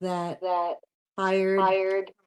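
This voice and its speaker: A woman speaking over a glitchy call that keeps breaking up, her words cut into short halting fragments. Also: mid-range voice, completely flat delivery, clean tone. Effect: glitchy call that breaks up, words doubled and cut off. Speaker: guest on a call. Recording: choppy distant call line.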